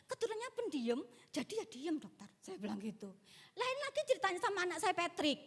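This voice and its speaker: A middle-aged woman pastor telling stories in a humorous sermon, teasing her congregation playfully. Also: extremely high pitch. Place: church hall in Bali. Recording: long church-hall reverb.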